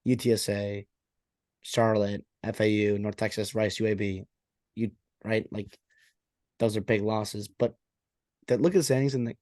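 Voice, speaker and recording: Low-voiced man chatting about football. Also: fairly even intonation, normal speed, long pauses, a little mellow, no room sound, clean studio sound. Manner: chatty, hedging with "like" and "right?". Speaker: podcast co-host. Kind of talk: casual sports chat.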